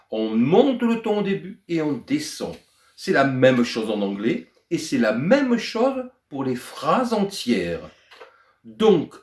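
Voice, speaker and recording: Older guy teaching french to learners, slow and careful, voice goes way up and down, echoey room. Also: medium pitch. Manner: deliberate, lively melodic teaching voice. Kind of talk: slow explanatory lesson to learners.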